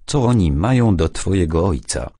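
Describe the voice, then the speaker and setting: A man voicing an anxious young pregnant woman who speaks softly and worriedly. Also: low-pitched, lively intonation, moderate pace, dry recording, studio quality.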